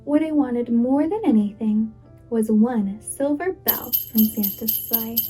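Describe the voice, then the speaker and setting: A woman reading a children's story aloud as a preschool teacher would, with dramatic, deliberate expression. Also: fairly high pitch, mellow. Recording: music behind the voice. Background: music.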